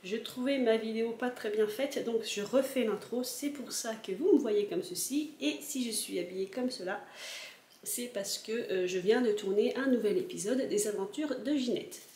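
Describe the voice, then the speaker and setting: A woman's voice: on the high side, normal speed, darkish tone, roomy sound, slight background noise. A woman vlogger chatting casually as she explains a history, with frequent hesitations.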